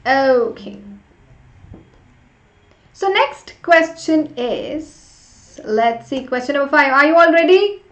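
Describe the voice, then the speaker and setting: A woman's voice: high-pitched, animated, takes it slowly, pauses often. A woman teaching an interactive live online class, chatting with students and urging them along with short repeated prompts. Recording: roomy echo, slightly dull sound.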